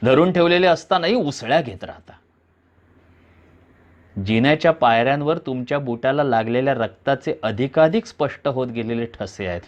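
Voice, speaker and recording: A man's voice: medium pitch, normal speed. A man giving a dramatic reading of a thriller, narrating suspensefully in the second person. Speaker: reader. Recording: dull lo-fi recording.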